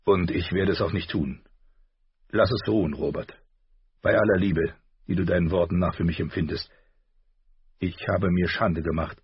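A man's voice: low-pitched, fairly even intonation, breathy edge, no echo, muffled recording. A man voicing a stern, reserved lord who speaks coolly and with restraint. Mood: restrained. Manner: cool, measured, restrained.

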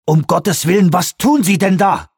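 A frantic man in authority, as a male narrator acts him out, shouting his pleas in a strained, raised voice. He sounds close and dry, with no room around him. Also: a little high, lively intonation, quick pace, vocal fry, breathy edge, no room sound, voice pushed up, full character voice. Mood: panicked. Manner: shouting, pleading. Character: panicked male official pleading for calm.

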